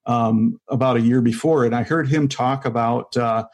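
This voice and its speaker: Guy in his 40s rambling about his comedy start, lots of ums and uh, mid-pitched voice, laughs a lot. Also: fairly even intonation, a little mellow. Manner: rambling, halting with fillers and restarts, laughs easily. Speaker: guest comedian. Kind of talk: casual interview chat.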